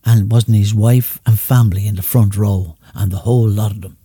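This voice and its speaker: A man's voice: on the low side, fairly even intonation, moderate pace, dark tone, husky, no echo, studio quality. An older Irish man, a former entertainer, reminiscing in a rambling way full of "you know what I mean" asides. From Ireland. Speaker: retired entertainer and chauffeur, interviewee. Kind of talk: reminiscing anecdotes and jokes.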